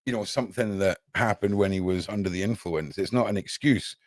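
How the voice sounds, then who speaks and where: A man hosting a casual live discussion, explaining his points haltingly with repeated words. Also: low voice.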